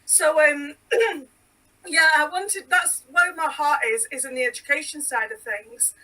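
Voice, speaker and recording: A chatty woman from the United Kingdom with a high, bright voice, speaking as a guest on a podcast. She keeps dropping "like" between her words. She sits a little back from the mic, so she sounds slightly distant. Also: measured pace. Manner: chatty, full of "like" fillers. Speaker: podcast guest, sewing educator. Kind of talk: casual chat.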